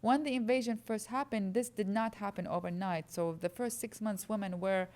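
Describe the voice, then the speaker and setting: A woman's voice: mid-range voice, normal speed, a little mellow. A woman from Iraq, earnestly explaining as a guest speaker answering audience questions at a lecture.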